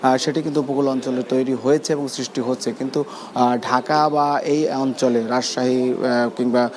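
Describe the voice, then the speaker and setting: A man's voice: mid-range voice, fairly even intonation, normal speed. Male correspondent reporting over background chatter. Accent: Bangladeshi. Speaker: special correspondent. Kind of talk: unscripted live news report.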